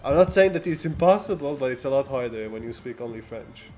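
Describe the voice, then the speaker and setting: This livestreamer's mid-range voice is expressive and a bit mellow as he chats casually over background music, reading viewers' live comments and answering them. He rambles in a stop-start way, with frequent false starts and laughter.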